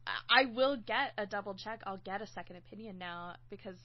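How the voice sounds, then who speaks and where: A woman's voice: mid-range voice, brisk, dull audio. A woman who makes audio dramas, chatting casually about collaboration, laughing often and filling with "like". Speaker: audio drama sound designer and writer. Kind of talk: casual podcast chat.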